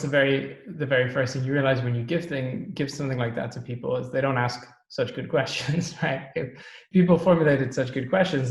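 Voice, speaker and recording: In a roomy, echoey recording, a Dutch man with a creaky, medium-pitched voice talks casually as a podcast guest. He co-founded a startup and thinks aloud during the interview chat, peppering it with ums.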